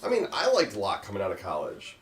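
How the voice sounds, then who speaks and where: A man hosting a casual discussion, talking in a halting way with many fillers. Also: low voice, wildly swooping pitch. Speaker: host. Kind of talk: casual draft pick discussion. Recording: echoey room.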